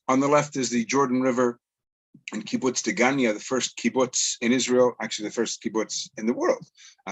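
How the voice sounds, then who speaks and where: A man's voice: mid-range voice, rough recording. A middle-aged man from Canada, a tour guide and educator, giving a chatty lecture over a video call and asking rhetorical questions. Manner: chatty, self-deprecating, asks rhetorical questions.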